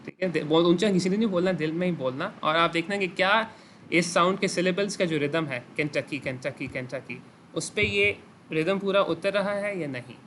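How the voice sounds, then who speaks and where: A man with a slightly high voice teaches a clinical class over a video call. He explains step by step, checks answers with his students and slips English phrases into his sentences. A faint noise sits under the call. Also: brisk, fairly bright tone. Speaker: medical teacher. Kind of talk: online clinical lesson.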